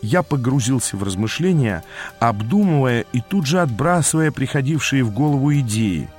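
A man's voice: mid-range voice, expressive, normal speed, darkish tone, faint music behind. Man reading a novel aloud wryly. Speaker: audiobook narrator. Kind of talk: first-person novel narration.

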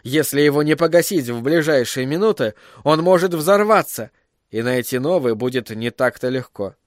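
A man reading a fantasy story aloud in a measured, even storyteller's voice. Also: mid-range voice, no echo, studio quality. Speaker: audiobook narrator. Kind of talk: scripted storybook narration.

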